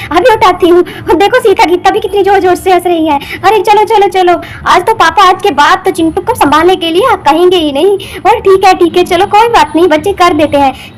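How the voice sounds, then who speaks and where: A woman's voice: extremely high pitch, a little hiss or hum, rough recording. A woman acting a busy young village mother in a homemade doll story, chatty and bustling. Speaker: doll story narrator and voice actor.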